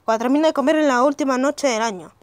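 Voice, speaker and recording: A young woman hosting a meme reaction video, excitable and breaking into shouted, swearing rants. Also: high voice, quick pace.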